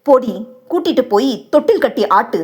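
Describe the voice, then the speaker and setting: A woman's voice: high-pitched, lively intonation, a little fast, darkish tone, slightly rough. A woman voicing an angry young husband who scolds harshly in an audio novel. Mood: furious.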